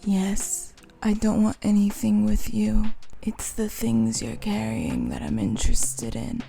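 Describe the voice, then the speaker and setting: Woman doing a gloomy ghost dove boy, creaky. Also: medium pitch, faint music behind, exaggerated voice. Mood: aloof. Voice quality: creaky, dark, slow whisper-tinged delivery. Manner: cold, aloof, deadpan. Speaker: fan dubber of a dating-sim character.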